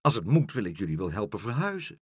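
A man voicing a gentle, polite young boy in a storybook reading, soft and apologetic. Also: lowish voice, sing-song, fast talker, breathy edge, dry recording, studio quality.

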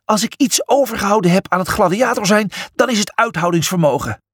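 A man's voice: high-pitched, animated, brisk, a bit bright, slightly rough, no echo, studio quality, voice pushed up, heavily acted. A man voicing an anxious, cautious male zebra who pleads with his brother. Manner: worried and pleading.

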